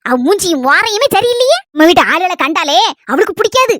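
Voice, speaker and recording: A doting old village grandmother with a Kanyakumari Tamil accent, put on by a woman, rambling fondly and calling everyone her dear. The voice is high and bright, and it runs along quickly. The comedy-skit recording is dry and close. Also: sing-song, no echo, heavily acted.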